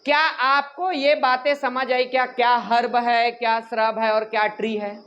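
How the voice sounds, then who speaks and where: Joking classroom teacher. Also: male voice, very high-pitched, measured pace, lo-fi sound, a little hiss or hum. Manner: joking, animated, scolds students. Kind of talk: classroom lecture.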